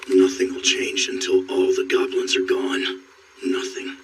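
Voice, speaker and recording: A man voicing a grim, armored male monster hunter in an anime English dub, speaking in terse, flat, clipped replies. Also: measured pace, over loud music, natural voice. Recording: distant voice under loud score.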